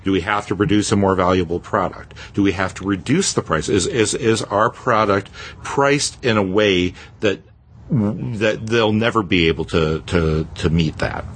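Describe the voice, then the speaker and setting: A man's voice: fairly low pitch, moderate pace, a little hiss or hum. A man hosting a podcast in a casual, reflective way, hesitating and repeating phrases as he thinks aloud. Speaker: podcast host.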